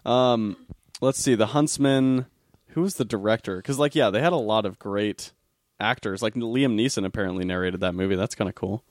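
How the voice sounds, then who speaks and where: A man's voice: lowish voice, normal speed, no room sound, studio quality. A man co-hosting a podcast, rambling through casual chat and looking up movie facts. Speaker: podcast co-host.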